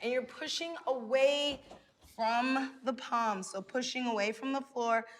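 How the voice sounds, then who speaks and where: High voiced woman leading stretches while exercising, slow encouraging cues, big echoey reverb. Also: a little hiss or hum. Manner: speaking while exercising, timed breathing cues. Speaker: fitness instructor. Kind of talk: guided stretching workout instruction. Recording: long hall-like reverb.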